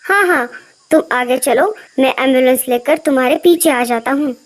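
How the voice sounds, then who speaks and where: A woman voicing a brisk, reassuring male owl doctor in a cartoon. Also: high-pitched, lightly acted.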